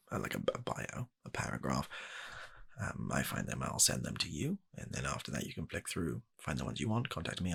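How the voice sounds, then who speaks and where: In a soft ASMR roleplay, a British man voices a courteous, kindly matchmaker running a dating agency, hesitant yet reassuring in his sales patter. He speaks very deep and exaggerated, breathy and gravelly, right up against the mic.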